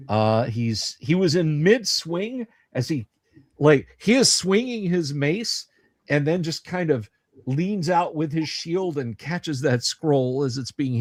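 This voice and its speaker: A man's voice: on the high side, expressive, takes it slowly, a little mellow, no room sound, studio quality. A man running a tabletop game as game master, narrating and ruling in a playful, theatrical, improvised way.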